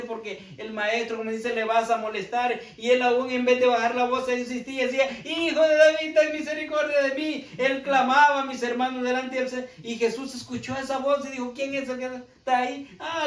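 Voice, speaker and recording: A man's voice: very high-pitched, a bit bright. Preacher, male, fervent sermon delivery, recorded from a distance in a roomy church. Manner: fervent, addresses the congregation often. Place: church hall. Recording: echoey church room, from far off.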